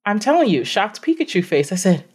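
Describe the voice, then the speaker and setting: A woman guest on a podcast, telling her story in an animated, emphatic way, repeating phrases for effect. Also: medium pitch, fairly quick, husky. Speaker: podcast guest, business owner.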